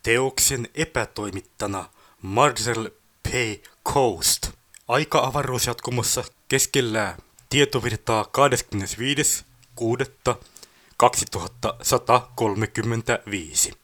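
A man's voice: mid-range voice, a bit bright. A man reading a formal scripted introduction to a collection of stories. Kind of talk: scripted narration.

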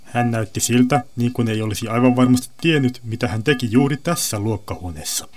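A man narrating a science fiction story in a calm, even storytelling manner. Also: mid-range voice.

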